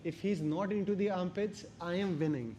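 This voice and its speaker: A man's voice: high-pitched, moderate pace, dark tone, a little hiss or hum. A man with an Indian accent teaching a martial arts class, speaking emphatically in short, repeated phrases. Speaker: jiu-jitsu instructor.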